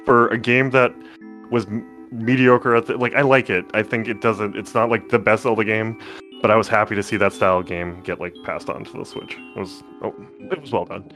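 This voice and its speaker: A man's voice: lowish voice, little pitch movement, normal speed, a bit bright. Guy rambling and joking around on a podcast, says like a lot, faint music under it. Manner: rambling, joking, many fillers like "like". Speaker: podcast co-host. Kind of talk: casual chat.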